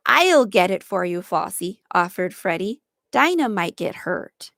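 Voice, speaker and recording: Young boy twin, eager, stubborn; voiced by a woman in a storybook, slightly gravelly. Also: fairly low pitch, very animated, unhurried, fairly bright tone, no room sound, clean studio sound, heavily acted. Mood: insistent.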